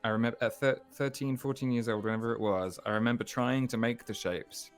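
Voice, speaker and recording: A man, a musician guest, speaking in a soft, reflective way with frequent restarts. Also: medium pitch, fairly even intonation, a little fast, smooth, faint music behind. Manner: soft-spoken, reflective, stammers and restarts often. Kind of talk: relaxed interview chat.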